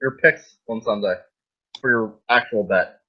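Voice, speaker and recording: A man's voice: fairly low pitch, a little slow. A man co-hosting a casual wrestling chat, talking bluntly and rambling with mild swearing. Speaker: co-host. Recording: dull lo-fi sound.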